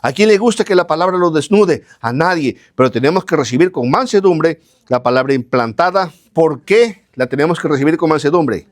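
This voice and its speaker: A man with a slightly high, animated voice preaches a little fast with few pauses, speaking straight to his listeners. He asks questions and answers them himself, repeating phrases in lists.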